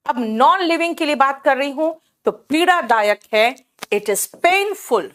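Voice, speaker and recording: A woman's voice: high-pitched, lively intonation, normal speed, fairly bright tone. A woman English teacher with an Indian accent, teaching a live online class, drilling words by repeating them and calling on students by name.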